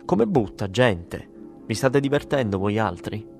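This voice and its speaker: A man's voice: on the low side, sing-song, measured pace, faint music behind. A man voicing a hearty, overly friendly club owner in an audiobook. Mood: jovial.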